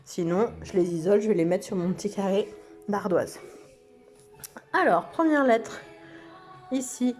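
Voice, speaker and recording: A woman teaching preschool children, speaking slowly and stretching out each word and letter sound. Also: medium pitch, a little mellow, soft background music. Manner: slow, sing-song, stretches out words and letter sounds. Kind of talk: slow lesson for young children.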